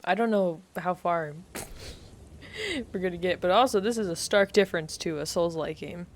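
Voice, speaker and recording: A woman's voice: lowish voice, brisk, a little hiss or hum. A woman giving casual live commentary while playing a game for her stream, giggling often and chatting to her viewers.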